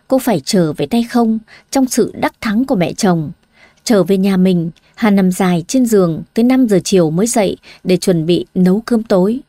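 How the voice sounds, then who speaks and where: A woman narrating a bedtime story in a calm, even scripted reading. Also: mid-range voice, no echo.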